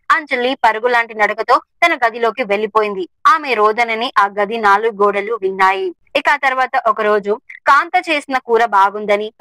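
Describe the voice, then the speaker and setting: A woman narrating a scripted story in a steady, expressive reading. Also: on the high side, dry recording, poor audio.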